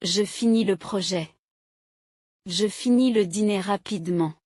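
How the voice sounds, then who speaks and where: A woman slowly reading short example sentences aloud as a language teacher, each one clearly articulated in a steady drill. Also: mid-range voice, no echo, clean studio sound. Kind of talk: slow, carefully paced reading of example sentences.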